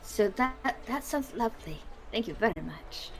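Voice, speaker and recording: A woman's voice: on the high side, animated, moderate pace, slight background noise, voice pushed up. A woman voicing a friendly, eager-to-please adventurer who talks in a sweet, slightly flustered way. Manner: bubbly, sweet, a little flustered.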